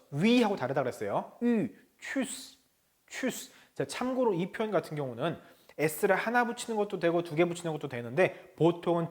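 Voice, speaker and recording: A man teaching a language lesson. He says each phrase slowly, then explains it, and often checks in with his learners. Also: high-pitched.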